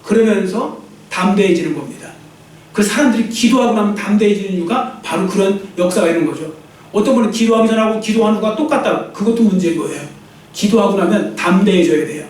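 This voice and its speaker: A man with a high voice preaches to a congregation, pressing his points hard and slipping into the voices of troubled people. He sounds far from the mic, caught in a very echoey church hall. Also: fast, a little mellow. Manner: emphatic, acts out quoted inner voices. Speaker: pastor. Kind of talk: sermon. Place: church sanctuary.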